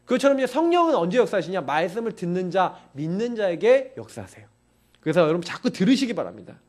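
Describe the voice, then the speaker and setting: A man preaching a sermon, pressing his points home with repeated, urgent appeals to his listeners. His voice sits high for a man and rises and falls in wide, lively swings. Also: fast talker. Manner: emphatic, insistent, urging listeners repeatedly. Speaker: pastor.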